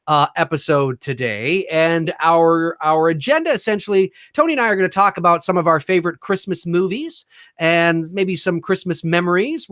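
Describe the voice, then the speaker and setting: A man in his late thirties co-hosts a casual live stream over a video call, his voice a touch higher than most. He rambles and restarts his sentences, filling gaps with "uh" and "um". The sound is dry and close, with no room around it. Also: fairly bright tone, dry recording. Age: 30s. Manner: rambling, many fillers and restarts. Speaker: co-host.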